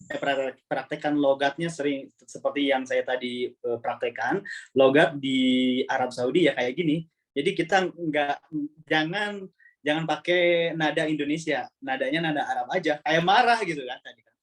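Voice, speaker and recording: A man teaching an online Arabic class over a video call, relaxed and chatty, often repeating words as he explains. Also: fairly high pitch, normal speed.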